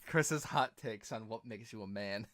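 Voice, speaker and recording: A man's voice: on the low side, unhurried, a bit bright. A young adult man hosting a casual podcast chat, laid-back, teasing and agreeing a lot. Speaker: host.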